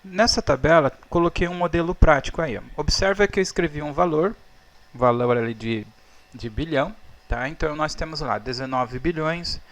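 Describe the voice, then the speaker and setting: Brazilian man teaching, a bit high. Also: normal speed, fairly bright tone. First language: Portuguese. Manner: patient, checks in with "tá?" and "ó". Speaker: English teacher. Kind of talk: explaining lesson over slides.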